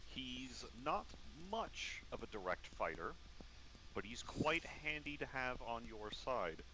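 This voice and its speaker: A man playing in a tabletop game, hesitant and pausing with "uh" and "um" as he explains. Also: medium pitch, big pitch swings, noisy background. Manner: hesitant, searching for words with many "uh" and "um". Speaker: player. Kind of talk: casual tabletop game chat.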